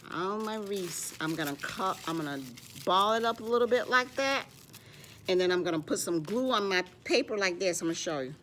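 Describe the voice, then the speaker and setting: Leading storytime at a children's library, this woman tells young kids stories, shows them crafts, and frequently refers to herself in the third person. Her voice sits on the low side, with some noise in the background.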